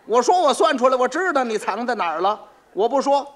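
Sly, pompous fake fortune teller, done by a man, high and animated. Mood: smug. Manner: slow, pompous, self-important. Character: sly, smug male fortune teller faking powers.

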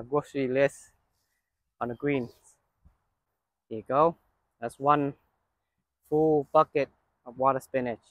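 The recording is muffled, though the man's medium-pitched voice carries no echo. He's a gardening channel host giving a relaxed, chatty walkthrough of his outdoor vegetable garden, filming on a handheld phone and pointing things out while he walks and harvests.

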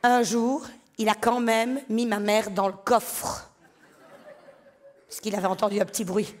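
A woman in her thirties with a Belgian French accent from the Liège area, telling stand-up stories on a theatre stage in an animated way and acting out voices. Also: mid-range voice, unhurried. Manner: animated storytelling, acts out voices. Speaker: stand-up comedian. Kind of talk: stand-up comedy monologue. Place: theatre stage before a live audience.

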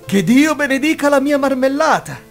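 A boastful, cheerful little tailor, put on by a man reading a fairy tale. He talks high and cocky, his voice bouncing up and down with excitement. Soft music plays behind him. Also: moderate pace, vocal fry, heavily acted.

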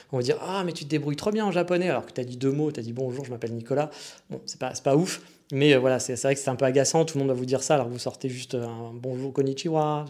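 A man's voice: medium pitch, darkish tone. A young French man with a French accent, hosting a casual solo podcast, joking and chatty with many fillers and restarts. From France. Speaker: podcast host.

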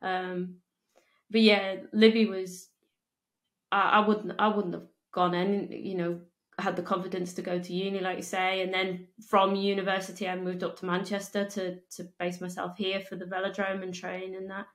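Speaking in a monotone at medium pitch, this Liverpool woman tells casual stories as an interview guest, often stopping, restarting and saying "um." She's on a video call with an earphone mic in an echoey room.

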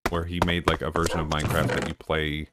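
A man streaming a game live, chatting casually with viewers in a low-key, deadpan way. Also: fast. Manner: low-key and deadpan, even when excited. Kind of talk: casual live-stream chat while gaming. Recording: noisy with clicking in the background.

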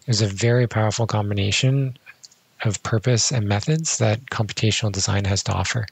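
A man, a civil designer, giving measured technical answers in a podcast interview. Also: lowish voice, vocal fry, husky, dry recording. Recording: dull dry studio sound.

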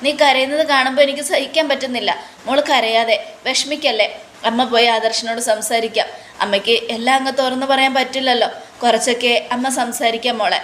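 A woman's voice: on the high side, fairly even intonation, fairly quick, fairly bright tone, slight background noise, natural voice. A woman voicing a practical middle-aged mother-in-law who coaxes and reasons with her family. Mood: coaxing. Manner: coaxing, reasoning.

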